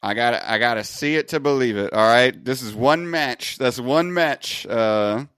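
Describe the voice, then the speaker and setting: A man's voice: medium pitch, normal speed, a bit bright, clear, resonant tone, no room sound, clean studio sound. A man from Long Island, hosting a casual wrestling podcast chat, joking and swearing freely. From Long Island, New York. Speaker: podcast host.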